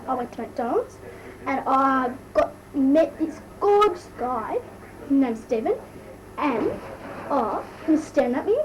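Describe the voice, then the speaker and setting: Woman doing Kylie Mole, high-voiced bratty Aussie schoolgirl. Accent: Australian. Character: gossipy, easily embarrassed Australian teenage schoolgirl, bratty mole character. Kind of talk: amateur comic impression monologue. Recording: noisy amateur recording, distant mic.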